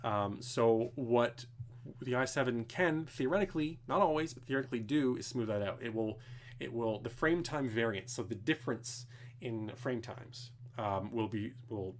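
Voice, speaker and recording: Speaking at a normal pace and medium pitch, this young streamer works through viewers' technical questions in a loose, rambling live Q&A. He's indoors at home and curses now and then.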